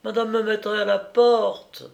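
A man's voice: little pitch movement, measured pace, gravelly. A man voicing a stubborn young maid who insists, in a raised voice, that nobody passes. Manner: high, insistent refusals.

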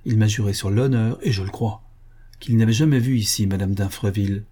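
A man's voice: on the low side, fairly quick, dark tone, slightly rough. A man playing a cold accusing husband. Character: cold, heartless aristocratic husband. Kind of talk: audiobook character reading.

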